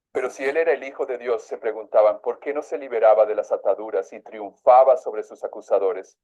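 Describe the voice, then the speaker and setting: A man's voice: mid-range voice, mellow, dull audio. A man preaching, reading a religious text aloud and breaking off to comment on it in his own words.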